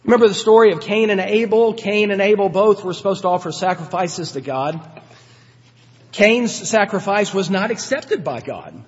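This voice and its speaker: High-voiced male preacher in a hall. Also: normal speed, dull audio. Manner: conversational, rhetorical questions, dynamic swings in loudness. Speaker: pastor. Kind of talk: sermon.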